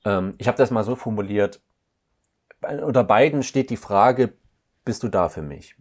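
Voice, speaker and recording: In a reflective podcast conversation, a male couples counselor guest speaks at a normal speed in a low, slightly mellow voice. He sounds thoughtful and searching, often hesitating as he goes.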